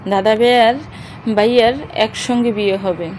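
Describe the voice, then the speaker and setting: A woman's voice: fairly high pitch, fairly even intonation, normal speed, a little mellow, a little hiss or hum, poor audio. A woman reading an audio story aloud, narrating and speaking every character's dialogue in one voice.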